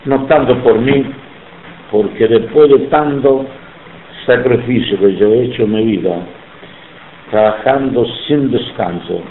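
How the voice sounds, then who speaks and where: A Sicilian man in his seventies speaks Spanish with an Italian accent during an oral history interview, sounding emphatic and indignant. His mid-range voice comes at a measured pace in an echoey room, through narrow, tinny audio with slight hiss or hum.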